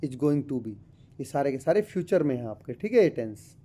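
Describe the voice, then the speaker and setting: A man tutoring schoolchildren through a textbook chapter, reading lines slowly and explaining them. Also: mid-range voice, big pitch swings, warm tone. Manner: reads English lines slowly, explains in Hindi addressing children.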